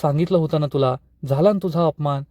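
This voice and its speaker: Furious, threatening brother, shouting, read by a man with a mellow voice. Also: a little high, quick pace, no room sound, clean studio sound, close to an everyday voice. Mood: worried. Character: angry young man, protective brother.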